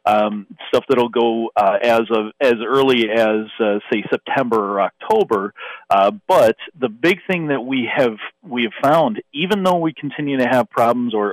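A man speaking over the phone as a grain market analyst in a radio interview, halting with many fillers. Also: medium pitch, no echo, rough recording. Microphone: telephone.

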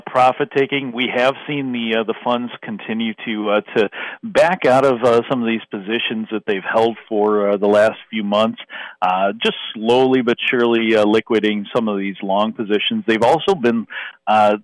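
A man speaking over the phone as a grain market analyst in a radio interview, halting with many fillers. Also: medium pitch, no room sound, rough recording. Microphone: telephone.

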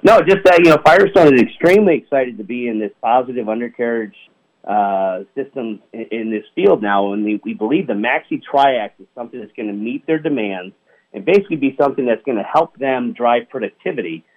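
A man's voice: mid-range voice, animated, a little fast, darkish tone. A man talking on the phone as an interview guest, upbeat and leaning on "you know" fillers. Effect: over the phone. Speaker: product manager guest. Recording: tinny phone line.

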